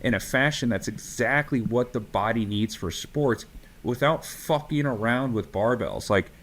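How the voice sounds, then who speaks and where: A man's voice: mid-range voice, a little slow, a bit bright. A man co-hosting a podcast as a strength coach, talking casually and ranting with passion, swearing freely, full of fillers and restarts.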